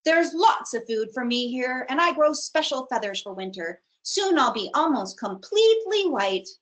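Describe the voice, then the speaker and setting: A woman's voice: sits high, sing-song, moderate pace. A woman voicing a confident ground bird who chuckles and talks in a knowing, teasing way in a storybook reading. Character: confident grown ptarmigan, teasing and relaxed.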